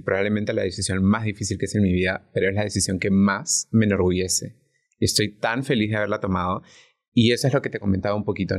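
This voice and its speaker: Un hombre invitado a un pódcast que habla de forma sincera y reflexiva, y que busca a menudo la confirmación de su interlocutora. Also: male voice, fairly low pitch, vocal fry. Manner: earnest, reflective, often checks in with "¿no?". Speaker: podcast guest. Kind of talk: casual podcast conversation.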